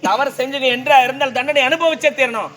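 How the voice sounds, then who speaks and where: A man's voice: very high voice, a little fast. A man on a village stage playing a righteous sister-in-law who scolds and accuses. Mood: scolding. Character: stern righteous sister-in-law, young woman. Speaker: stage actor in female role. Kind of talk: village stage drama acting.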